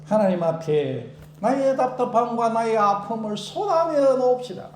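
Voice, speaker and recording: A male pastor preaching a sermon in an animated way, acting out prayers and shouting for emphasis. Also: very high voice, normal speed, reverberant, slight background noise. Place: church.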